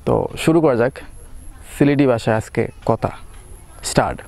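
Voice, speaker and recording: A man's voice: mid-range voice, normal speed, gravelly, darkish tone. A young man from Bangladesh talking playfully to camera in a casual comic vlog. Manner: playful, mixes standard Bangla with Sylheti dialect. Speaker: vlogger.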